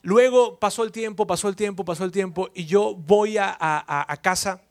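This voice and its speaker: A man's voice: sits high, moderate pace. A man preaching a sermon through personal story, emotional, repeating words and asking the congregation questions.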